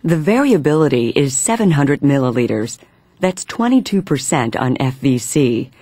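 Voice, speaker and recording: A man reading scripted instructional narration in a measured, step-by-step manner. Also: mid-range voice, big pitch swings, warm tone, dry recording.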